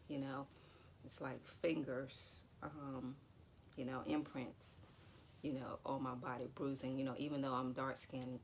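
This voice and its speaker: A woman's voice: extremely low pitch, gravelly, slight background noise. A woman vlogger talking casually to the camera in a rambling way, full of "you know". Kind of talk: casual talk to camera about dreams.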